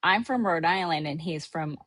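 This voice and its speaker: A middle-aged woman from Hawaii hosts a podcast, recapping a trip in casual chat. Her low-pitched, slightly bright voice moves at a moderate pace, rambling with lots of fillers and restarts, in a studio-quality recording with no echo.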